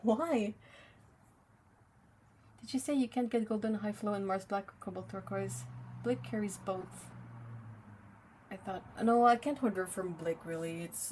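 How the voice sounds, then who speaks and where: A young native French speaker with a French Canadian accent paints on a livestream, chatting casually, reading viewer comments aloud, and laughing often. Her medium-pitched voice is a little mellow, and the poor audio carries slight background noise.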